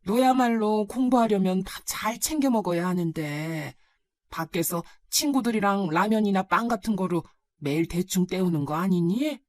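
A woman's voice: medium pitch, moderate pace, darkish tone, no room sound, clean studio sound, close to an everyday voice. Woman voicing a doting elderly grandmother. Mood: tender, fussing. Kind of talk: storybook narration.

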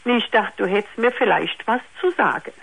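An older woman calling a radio phone-in over the telephone, talking haltingly with many restarts. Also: medium pitch, animated, gravelly, fairly bright tone, husky, rough recording. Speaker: caller.

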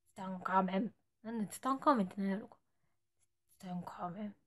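Talking fast at a medium pitch, a young woman with a Nagoya accent playfully chats with her live stream audience. She obliges fans by saying short, cute phrases they ask for.

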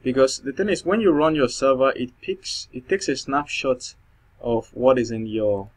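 A non-native English speaker with an accent, this male programming tutor works through a screen-recorded coding tutorial by thinking aloud, with lots of fillers and restarts. His voice is mid-range and his pace moderate.

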